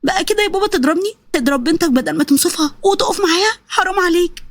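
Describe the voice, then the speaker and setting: Woman doing a hurt egyptian wife, high voice, pleading, rushes her words. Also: expressive, dry recording. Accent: Egyptian Arabic. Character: hurt, put-upon young wife.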